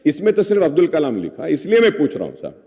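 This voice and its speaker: A man's voice: a little high, wildly swooping pitch, quick pace, mellow. A man giving a speech in a legislative assembly, switching between Hindi and English, addressing the chair as sir, reading out figures and pressing his point. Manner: reads out figures, then turns argumentative. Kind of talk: parliamentary speech. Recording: long reverb of an assembly hall.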